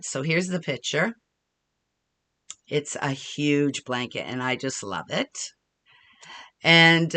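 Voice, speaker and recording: A woman's voice: low voice, bright, forceful tone. An older woman chatting casually in a craft vlog, upbeat and full of hesitations. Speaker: crochet vlogger.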